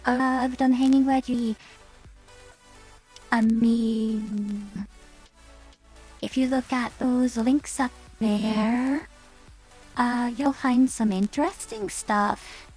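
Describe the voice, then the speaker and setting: A woman's voice: on the high side, very slow, long pauses, a little mellow, breathy edge, soft background music, poor audio. A woman VTuber chatting casually on stream through a staticky voice changer that cuts out, rambling with hesitant fillers.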